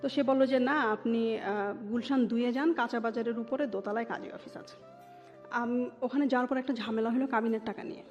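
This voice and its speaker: Here a Bangladeshi-accented woman talks briskly about her own life as an interview guest, blending English words into Bengali. Her pitch is on the high side with fairly even intonation and a darkish tone. Background music plays, and the audio is dull with long reverb.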